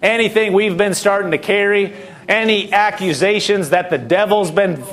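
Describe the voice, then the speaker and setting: A man's voice: high-pitched, normal speed, a bit bright. A man preaching a sermon, fervent and repetitive, with frequent hallelujahs.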